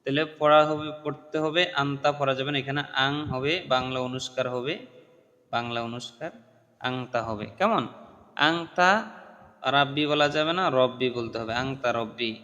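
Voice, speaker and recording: Male recitation teacher, slow melodic chanting then brisk correction, long echo. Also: mid-range voice, bright, forceful tone, dull audio. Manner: chants Arabic prayer slowly, then corrects pronunciation in rapid speech. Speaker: religious teacher. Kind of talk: recitation lesson.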